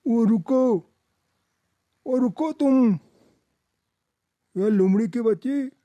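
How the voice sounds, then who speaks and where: Man voicing a protective cartoon donkey, loud and scolding, high pitched, dry sound. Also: drawn-out words, no room sound, full character voice. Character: stern protective male donkey. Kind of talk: cartoon voice acting.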